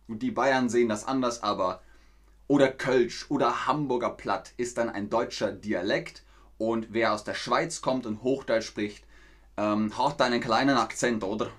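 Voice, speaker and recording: A man teaching German on a livestream, explaining pronunciation and answering viewers' chat questions in a chatty, explanatory way. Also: medium pitch. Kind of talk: livestream language lesson reading chat.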